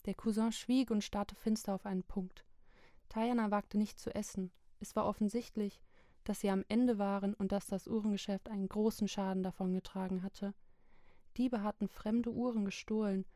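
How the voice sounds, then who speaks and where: A woman narrating a literary book chapter in a slow, measured, even reading. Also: medium pitch, dry recording, clean studio sound. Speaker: audiobook narrator.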